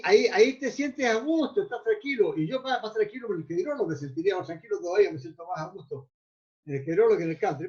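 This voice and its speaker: A man teaches a class, his voice pitched rather high. He lectures in a loose, wandering way and stumbles over repeated words while he hunts for the next phrase. The recording sounds muffled and lo-fi. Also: a little mellow. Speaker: mindfulness teacher.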